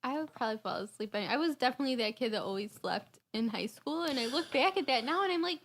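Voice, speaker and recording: A woman's voice: high voice, animated, fast, fairly bright tone. A woman who is a guest on a podcast, chatting casually and laughing easily. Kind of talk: casual chat.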